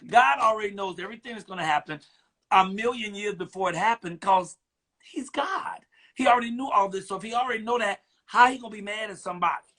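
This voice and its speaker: A comedian interviewing a guest, riffing in an animated, preachy way. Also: male voice, high voice, quick pace. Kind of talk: casual interview chat.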